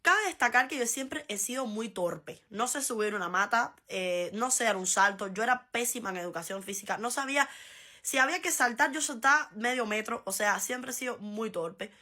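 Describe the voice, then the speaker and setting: Animated Cuban woman telling a story. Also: a little high, normal speed. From Cuba. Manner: animated, laughing, acts out voices. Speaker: vlogger. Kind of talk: casual storytime.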